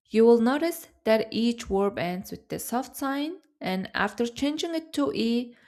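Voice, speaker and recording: Woman language teacher, fairly high voice, slow and careful scripted lesson delivery. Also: a little mellow. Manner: slow, careful explanation with example words.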